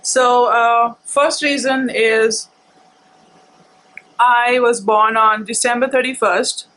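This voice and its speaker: Slow, bright, high-voiced woman vlogger. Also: fairly even intonation, poor audio. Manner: halting, reflective, unhurried. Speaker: food vlogger telling personal story. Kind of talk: casual personal storytelling.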